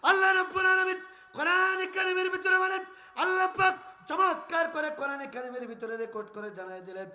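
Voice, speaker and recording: A man from Bangladesh with a northern Bangladeshi Bengali accent, preaching a storytelling sermon. He acts out scenes in rustic dialogue, chants verses in long melodic lines and shouts to the crowd. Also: very high-pitched, fairly quick.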